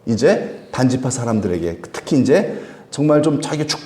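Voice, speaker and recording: A male pastor preaching at a Friday prayer service, animated, acting out the people he quotes and chuckling often. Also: medium pitch, normal speed, echoey room. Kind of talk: sermon. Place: church sanctuary.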